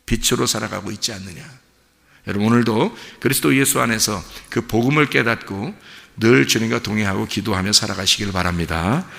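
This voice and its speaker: A man's voice: fairly low pitch, fairly quick, vocal fry, fairly bright tone. A male pastor preaching a sermon, often checking in with the congregation through rhetorical questions. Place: church sanctuary. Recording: long church hall reverb.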